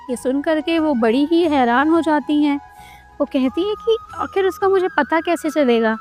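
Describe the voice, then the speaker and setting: A high-pitched woman narrates a devotional tale in an easy, conversational way. She links each scene with repeated "then she says". Soft music plays faintly behind her. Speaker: storyteller.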